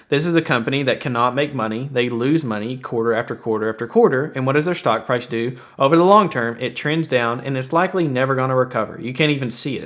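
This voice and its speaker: A man in his twenties hosts an explanatory finance video, offering investing commentary to viewers. He speaks plainly and casually, repeating phrases for emphasis, in a mid-range, fairly bright voice.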